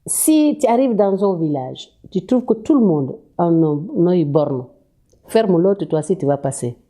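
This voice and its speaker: Very dark, low-voiced woman explaining. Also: very animated, unhurried. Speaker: interviewee. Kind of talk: explaining with a parable.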